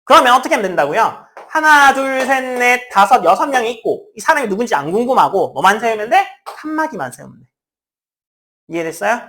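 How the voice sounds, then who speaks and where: Woman, math teacher, classroom lecture, animated pitch, casual tone with students. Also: a little fast. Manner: lively, talks to students in casual speech, acts out student lines.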